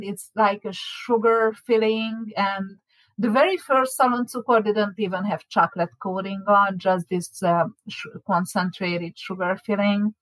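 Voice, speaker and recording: A Hungarian woman who teaches a baking class chats casually in a Hungarian accent, laughing often and restarting her words. Her voice is medium-pitched and fairly bright, captured in a low-quality recording with no room sound.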